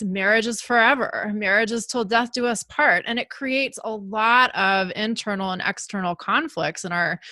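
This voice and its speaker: A woman hosting a podcast about infidelity, speaking in an earnest, engaged way and offering quick agreement. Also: medium pitch, sharp tone, dry recording. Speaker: podcast host, infidelity therapist. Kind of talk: conversational podcast interview.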